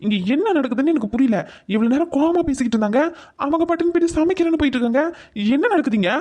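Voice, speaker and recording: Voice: high-pitched, lively intonation, very fast, a little mellow. A performer voicing a sarcastic young man in a cartoon who teases and threatens his friend. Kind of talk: cartoon voice acting.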